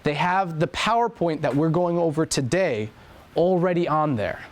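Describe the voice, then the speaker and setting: A man's voice: on the high side, lively intonation, normal speed. A young man teaching an anatomy and physiology lab review in a classroom, talking casually and repeating key points.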